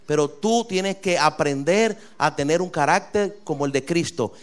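A male pastor, preaching a sermon with lively, rising delivery and quick asides. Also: fairly high pitch.

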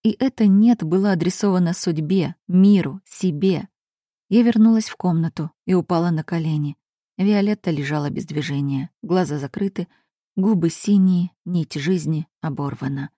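A woman's voice: lowish voice, moderate pace, mellow, dry recording, studio quality. A woman reading a dramatic first-person fantasy audiobook with tense storytelling. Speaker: audiobook reader.

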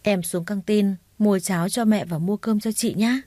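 A woman's voice: medium pitch, moderate pace, warm tone, no room sound, close to an everyday voice. A woman putting on a sulky, defiant young sister. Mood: subdued. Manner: petulant, talking back.

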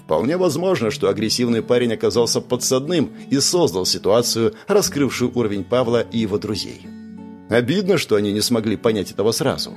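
A man narrating an audiobook and voicing the characters in a lively way. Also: fairly quick, faint music behind. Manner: lively, shifts pitch for characters.

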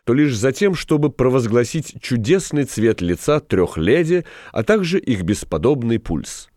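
A man's voice: medium pitch, very animated, normal speed, darkish tone, no room sound, studio quality, voice pushed up, close to an everyday voice. A man reading aloud, voicing a rueful male café owner who tells of his failed schemes in a plaintive, rambling way. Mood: ingratiating.

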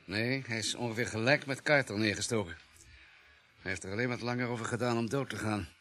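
In a radio drama, a man plays a police pathologist who coolly reconstructs murders in a precise, analytical, matter-of-fact way. His voice is fairly low, a bit fast, pushed and bright, and his mood is clinical and assured.

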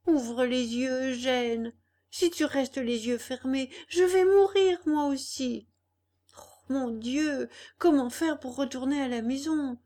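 Storybook: woman voicing an impish little puppet boy, high and bratty. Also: sing-song, unhurried, gravelly, few pauses, darkish tone, full character voice. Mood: tearful. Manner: mocking taunts, then tearful pleading. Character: cheeky wooden puppet boy, impish and rude.

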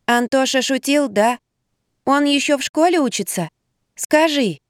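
A jealous young mother scolds in a high, shrill voice, as a woman reader puts her on. She is loud and curt, and the read is dry and close to the mic. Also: expressive, unhurried, no echo.

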